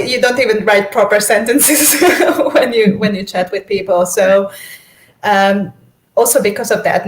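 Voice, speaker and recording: In an echoey room, a young woman with a fairly high voice chats casually as an interview guest. She is a native speaker of Esperanto and Hungarian, laughs often, and keeps restarting her sentences.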